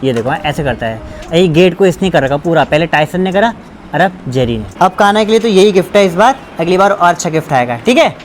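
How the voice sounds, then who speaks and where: A young man from Uttarakhand vlogging at home with his family, chatting warmly and switching into slow, halting English for his viewers. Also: on the high side, animated, a little hiss or hum. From Uttarakhand, India. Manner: chatty, warm toward family. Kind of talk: casual vlog chat.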